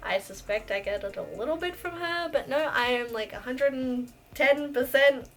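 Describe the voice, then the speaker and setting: A woman's voice: high voice, moderate pace, soft background music. An Australian woman in her thirties chatting bubbly and giggly through a casual Q and A vlog in a bedroom full of plush toys. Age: 30s. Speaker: vlogger.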